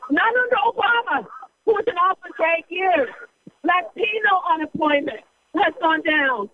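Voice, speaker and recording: A woman's voice: extremely high pitch, a little hiss or hum. A woman giving an impassioned political speech outdoors at a street rally, emphatic and repetitive, firing rhetorical questions at her listeners. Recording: dull lo-fi recording.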